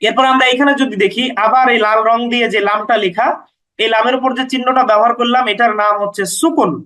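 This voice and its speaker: A man teaching Quran recitation, patiently repeating letter names and vowel marks slowly for his listeners to follow. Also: very high-pitched, fairly even intonation, pushed and bright, low-quality recording. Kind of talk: step-by-step recitation lesson.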